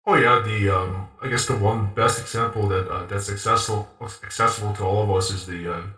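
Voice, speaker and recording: Man in casual talk, low roomy voice. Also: fairly even intonation, pushed and bright. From Canada. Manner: halting, many restarts and fillers. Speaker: guest, YouTuber. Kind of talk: casual conversation. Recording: roomy, distant from the mic.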